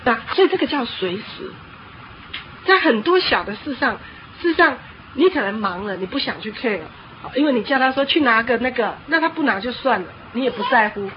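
Woman preacher, fairly high voice, animated storytelling sermon; dull lo-fi recording with faint hiss. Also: a little fast. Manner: animated storytelling with frequent filler "hao".

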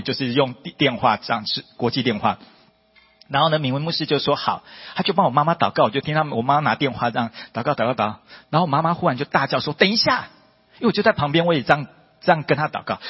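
A man's voice: rapid-fire, breathy edge. A man preaching a testimony sermon to a church congregation, emphatic and full of rhetorical questions. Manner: emphatic, rhetorical questions, rising to high excited peaks. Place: church hall. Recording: dull lo-fi audio with long hall reverb.

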